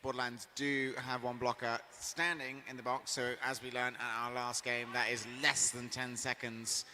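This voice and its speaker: A man calls the roller derby action in a mid-pitched, very bright voice. He sounds earnest and enthusiastic about the sport, with a faint hum of background noise. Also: little pitch movement, normal speed. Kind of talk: live sports commentary.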